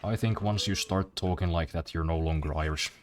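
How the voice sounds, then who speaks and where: Low-voiced man rambling over gameplay. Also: fairly even intonation, a little fast. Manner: rambling, with many repeated words and fillers. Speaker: streamer. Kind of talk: casual gaming commentary.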